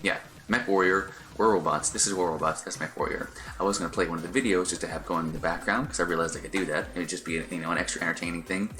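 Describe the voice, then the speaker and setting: Low-voiced man rambling on stream. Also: sharp tone. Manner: rambling, many fillers and restarts. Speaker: Twitch streamer. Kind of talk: casual live-stream chat.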